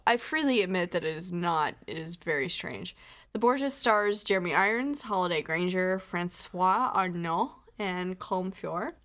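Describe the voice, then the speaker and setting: A woman's voice: medium pitch, fairly bright tone. A woman co-hosting a podcast in casual chat, chatty and self-deprecating. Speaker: podcast co-host.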